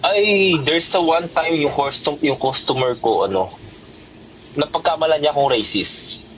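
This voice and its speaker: A man's voice: on the high side, unhurried, slight background noise, poor audio. Defensive man chatting on a livestream. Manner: defensive, repeatedly insisting he is not angry. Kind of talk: casual livestream chat.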